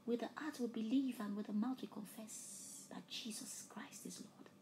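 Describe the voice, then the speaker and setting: Her native tongue is Yoruba, and as preacher and host she delivers a sermon ending in an altar call. Fervent throughout, she alternates between loud, emphatic peaks and hushed near-whispers, her voice fairly high and her pace normal against a noisy background.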